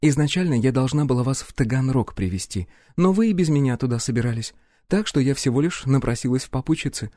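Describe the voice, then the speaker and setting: A man voicing a calm, teasing young woman, a former sport shooter. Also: mid-range voice, fast talker, no echo, clean studio sound, voice pushed up, lightly acted. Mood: wry, calm.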